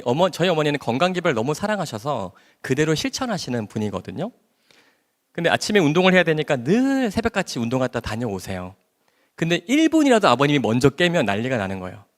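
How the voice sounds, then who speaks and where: A man, a doctor, giving an emotional church testimony in a large hall. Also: a little high. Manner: emotional, animated storytelling. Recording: long hall reverb.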